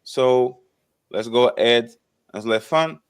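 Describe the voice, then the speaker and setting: A man's voice: mid-range voice, unhurried, clean tone. A man moderating a casual live-streamed panel show, announcing upcoming episodes and introducing guests in a loose, repetitive way, often tagging sentences with "okay?".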